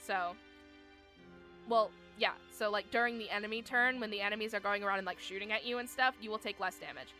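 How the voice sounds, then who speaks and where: A woman's voice: mid-range voice, a little fast, pushed and bright, soft background music. A woman streamer giving casual live gameplay commentary, explaining the game rules step by step with lots of filler words.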